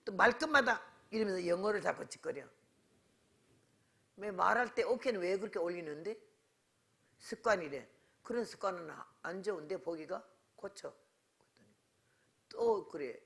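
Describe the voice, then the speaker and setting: An older woman delivers a revival sermon in a church. Her voice is gravelly and forceful, with a bright, tense edge. She speaks bluntly and scolds as she tells her stories, playing out each side of the conversations herself. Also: fairly low pitch, animated, moderate pace, pauses often. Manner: blunt, scolding storyteller who acts out both sides of conversations. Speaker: guest revival preacher, missionary. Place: church sanctuary.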